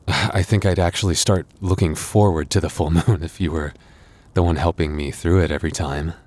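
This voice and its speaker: Flustered and affectionate, he again voices the bashful young werewolf boyfriend, stammering haltingly with breathy laughs and sighs. The tone stays steady, low and darkish throughout this intimate ASMR piece.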